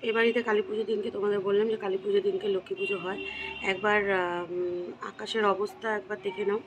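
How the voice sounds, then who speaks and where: A woman with a hoarse voice, chatting tiredly through a casual home vlog. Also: little pitch movement, fast. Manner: tired, low-energy chatter. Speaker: vlogger. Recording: noisy home recording.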